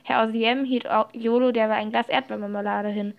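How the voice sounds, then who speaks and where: Woman reading a story aloud, higher voice. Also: a little fast, gravelly, narrow, tinny audio. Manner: lively reading with occasional slips and restarts. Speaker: narrator. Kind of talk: audiobook reading.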